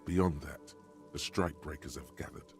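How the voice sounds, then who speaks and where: A man voicing a brooding game narrator who speaks in measured, grim second person. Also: fairly even intonation. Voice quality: deep, gravelly. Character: brooding gravelly adult male game narrator. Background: game music.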